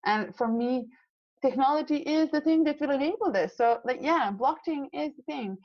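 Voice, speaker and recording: A woman's voice: high voice, lively intonation, normal speed, dry recording, lo-fi sound. A young woman from Serbia, a guest in a casual interview, talking earnestly and idealistically with many fillers and restarts. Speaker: guest, climate scientist.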